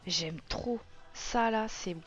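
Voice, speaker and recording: Hosting a live colouring book flip-through, a woman speaks slowly in a fairly high voice, exclaiming in awe as she reviews the pages. The recording is muffled and has music running under it.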